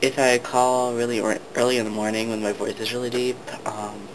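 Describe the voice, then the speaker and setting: A young vlogger talks casually to the camera at a brisk clip, his medium-pitched voice hesitant and full of ums and restarts. Steady background noise runs underneath.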